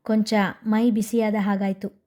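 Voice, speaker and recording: Mellow-voiced woman reading a story. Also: mid-range voice, level tone, a little slow. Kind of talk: scripted story narration.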